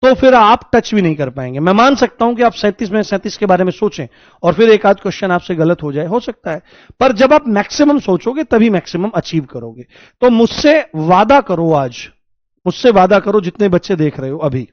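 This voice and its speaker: A man teaching a live online class, lively, repeating points and questioning his students. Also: high-pitched, a little fast, no echo, dull audio.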